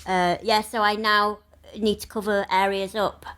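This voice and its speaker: A woman's voice: mid-range voice, level tone, a bit bright. Hungover, rambling woman. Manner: rambling, giggly, many filler pauses. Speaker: podcast co-host. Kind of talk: casual chat.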